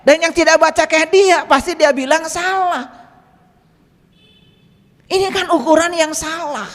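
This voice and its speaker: A middle-aged man giving a religious lecture as a Sufi teacher, animated, teasing his listeners, and swinging between loud and hushed delivery. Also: very high voice, a little slow. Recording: long hall reverb.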